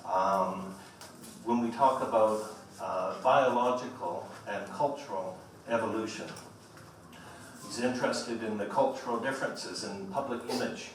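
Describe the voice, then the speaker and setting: A man hosting an evening lecture, giving a formal but loose introduction in a halting manner with repeated phrases. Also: fairly low pitch. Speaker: host introducing a guest speaker. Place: large echoey indoor room at a public lecture. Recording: echoey hall, distant mic, faint noise.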